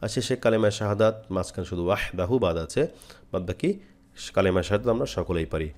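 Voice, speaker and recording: A Bangladeshi man whose voice sits low and darkish leads a step-by-step Quran recitation lesson. Each phrase is sung in a lengthy, drawn-out chant, followed by a straightforward explanation.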